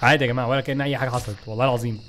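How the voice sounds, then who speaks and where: A man with an Egyptian Arabic accent giving excitable, joking let's play commentary, talking back to the game. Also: medium pitch, racing, slight background noise. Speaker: gaming YouTuber.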